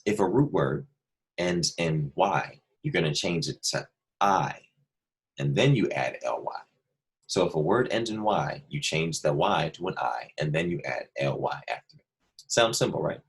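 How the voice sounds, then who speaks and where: A man's voice: extremely low pitch, expressive, moderate pace, husky. A male second grade teacher patiently walking young students through a worksheet, explaining each step and repeating key points. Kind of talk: remote lesson walkthrough.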